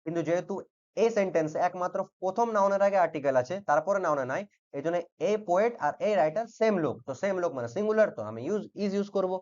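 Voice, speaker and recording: A man's voice: high voice, fast, a little mellow. Guy teaching grammar online, patient, repeats stuff and keeps checking u got it, kinda muffled lo-fi audio. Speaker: exam-prep English teacher. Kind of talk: explaining grammar in an online lesson.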